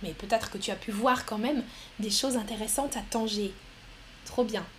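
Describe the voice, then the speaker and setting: A woman hosting a live stream, talking slowly and clearly as she reads out viewer comments and answers them with frequent light laughter. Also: a little high, a little hiss or hum. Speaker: livestream host.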